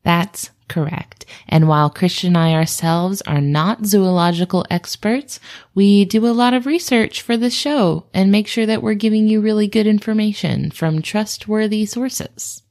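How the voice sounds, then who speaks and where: A woman's voice: mid-range voice, a little slow, darkish tone. A woman hosting a casual animal review podcast, chatty and playful with dry jokes. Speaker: podcast host.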